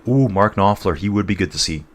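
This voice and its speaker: Low-voiced man chatting through a cycling livestream. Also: fairly quick. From North East England. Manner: rambling, chatty, addresses viewers as dude and guys. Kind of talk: casual live commentary and chat reading.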